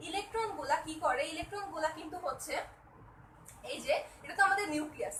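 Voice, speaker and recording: A woman's voice: very high-pitched, animated, quick pace, fairly bright tone, slight background noise. Young woman teaching chem in an echoey room, sounds a bit far off from the mic, keeps checking if everyone gets it. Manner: repeats herself, checks often if students follow. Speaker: chemistry teacher. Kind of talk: live online class.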